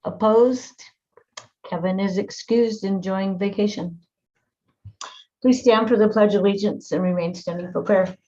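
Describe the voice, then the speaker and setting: A woman mayor chairing a council meeting in a brisk, matter-of-fact way. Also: mid-range voice, steady tone, mellow. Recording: dull lo-fi meeting recording.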